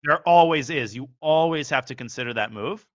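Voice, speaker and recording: A man's voice: fairly high pitch, highs cut off. A man commentating live chess, analyzing positions and rattling off moves. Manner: analytical, calls moves rapidly.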